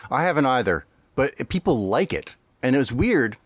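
A man's voice: medium pitch, very animated, moderate pace, no room sound. A man co-hosting a podcast, chatting casually and rambling with frequent laughs and restarts. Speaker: podcast co-host.

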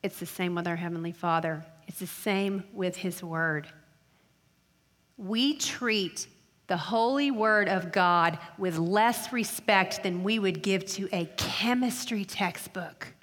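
A woman's voice: medium pitch, fairly bright tone. Earnest woman preaching in a reverberant hall. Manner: earnest, emphatic, slows down for key phrases. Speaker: speaker addressing college women. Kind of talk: sermon.

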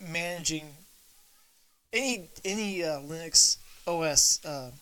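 Nerdy podcast guy, bright sharp voice, rambly and sweary, just chatting. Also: a little high, a little slow, clean tone. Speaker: podcast co-host. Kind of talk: casual chat.

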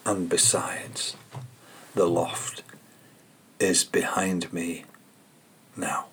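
A man hosting a poetry podcast, reading and reflecting on poems in a measured, contemplative way. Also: low-pitched, level tone, fairly bright tone, slightly rough. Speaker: poet and podcast host.

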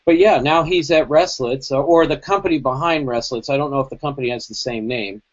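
On a laid-back tech podcast recorded over a video call, this co-host speaks in a mid-range voice at a slightly fast clip. He strings together long, meandering thoughts full of side comments, and the audio is dull, lo-fi call quality.

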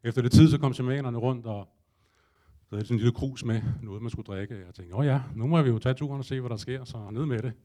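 A man's voice: mid-range voice, warm tone. A man spins a comic first-person tale for a live audience in a loose, conversational way. He throws himself into his own panic and inner thoughts, and his speech is peppered with casual swearing. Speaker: storyteller addressing a live audience.

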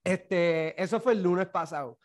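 A young man with a Puerto Rican accent, telling stories and swearing freely in a casual podcast chat. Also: sits high. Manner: storytelling, swearing, quick laughs. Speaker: podcast co-host.

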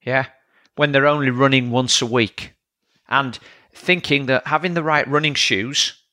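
A man who coaches and hosts his own podcast gives training advice in a solo monologue, with a medium-pitched, bright, forceful voice, fairly even intonation, and a slightly slow pace. He is plain-spoken and lecturing, often checking in with a rhetorical "all right?" The recording is dry and clean, with a studio sound.

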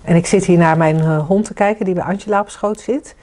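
A woman's voice: fairly low pitch, fairly quick. A woman co-hosting a podcast, talking casually and asking listeners questions. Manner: warm inviting, asks listeners questions. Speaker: podcast co-host and coach. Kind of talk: casual conversation with listener invitations.

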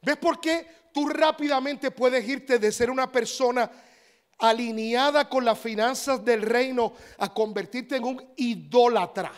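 A man preaching a sermon, animated and talking straight to his listeners, swinging between loud and hushed. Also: very high-pitched, a little slow.

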